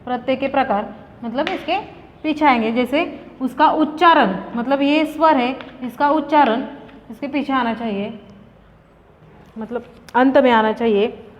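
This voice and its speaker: A woman teaches a grammar lesson with a high voice. She works slowly through the material and repeats each example word as she explains it. The recording sounds dull and muffled, with a long reverb trailing after her words. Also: slight background noise. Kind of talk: classroom lesson.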